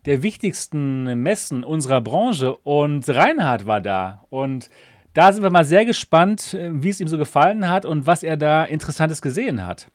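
Male podcast host, upbeat and chatty, slightly high voice, dry close mic. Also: lively intonation, moderate pace, dry recording. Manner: upbeat, chatty show intro with fillers. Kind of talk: casual chat.

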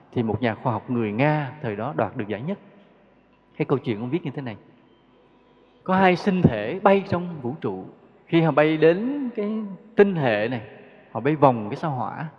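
Male Buddhist teacher, relaxed sermon full of questions; dull recording in a reverberant hall. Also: mid-range voice, husky. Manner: conversational, rhetorical questions, chuckles. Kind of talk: dharma talk.

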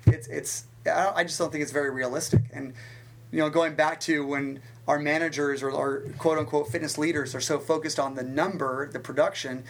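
A man talking as a guest in a casual interview, telling stories from his working life in an animated way, with big swings in pitch and quick restarts. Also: slight background noise. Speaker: fitness instructor and guest. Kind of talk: storytelling in a conversational interview.

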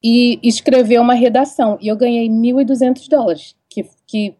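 A woman with a soft, mellow tone and a Brazilian Portuguese accent. She talks casually as a podcast guest, slipping the odd English word into her speech. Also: on the high side, steady tone, normal speed. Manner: code-switches, dropping English words into Portuguese. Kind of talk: casual interview chat.

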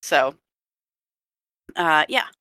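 A woman's voice: deep voice, lively intonation, very slow, bright, forceful tone, no echo, studio quality. A woman hosting a game podcast, chatting casually and laughing easily. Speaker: podcast host.

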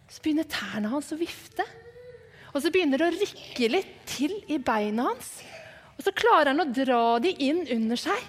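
High-voiced woman telling a story in a hall. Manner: lively, dramatic, hushed whispers for suspense. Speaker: children's Bible storyteller. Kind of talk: eyewitness storytelling to children. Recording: long hall reverb.

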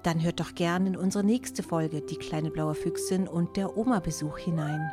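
A woman, author of the story, narrating it gently for children. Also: fairly low pitch, moderate pace, over music.

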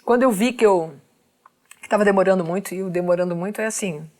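A woman, a journalist guest telling a story in an animated, expressive way. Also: mid-range voice, fast talker. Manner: expressive, acts out quoted voices, laughs often.

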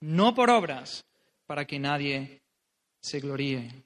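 A man's voice: fairly high pitch, animated, takes it slowly, a bit bright. A man preaching an earnest, pleading sermon, repeating phrases for emphasis.

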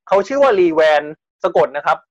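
A man's voice: high voice, very animated, fairly quick, no echo, muffled recording. A man casually retelling a strange news story on a podcast, chatty and full of restarts. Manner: chatty, restarts often, acts out quotes.

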